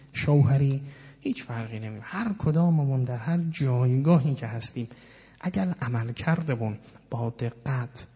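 A man's voice: mid-range voice, slightly rough. A man giving a sermon and teaching, explaining words one by one and asking rhetorical questions. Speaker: preacher. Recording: dull lo-fi sound in a long-reverb hall.

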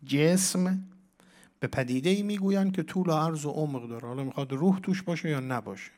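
A man's voice: fairly high pitch, darkish tone. A man giving a religious lecture on scripture as a Quran teacher. He explains step by step, repeats key words for emphasis and asks his listeners questions.

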